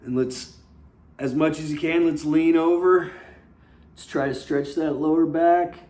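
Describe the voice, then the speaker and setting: A man's voice: fairly high pitch, steady tone, measured pace, a little mellow. A young man leading a seated workout, talking in a casual, candid way and often saying "you know". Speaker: seated fitness instructor. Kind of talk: guided workout instruction. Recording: roomy with faint noise.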